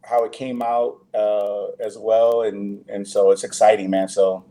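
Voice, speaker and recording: A man's voice: on the low side, flat delivery, unhurried, dark tone. A man, an actor guest in a casual interview, talking loosely with many fillers and restarts.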